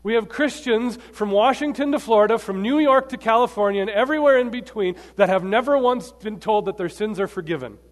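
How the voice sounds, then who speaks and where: A man preaching a sermon to a live congregation, emphatic, swinging between loud bursts and quiet asides and quizzing the audience. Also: high-pitched, brisk, few pauses. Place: large church hall. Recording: long hall reverb.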